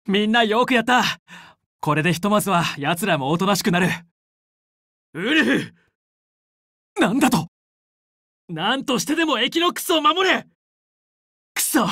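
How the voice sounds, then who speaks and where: A man's voice: high voice, bright, forceful tone, no room sound, studio quality, full character voice. A man playing a determined young fox squad leader in a Japanese video game, commanding and earnest in his battle callouts. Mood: urgent, commanding.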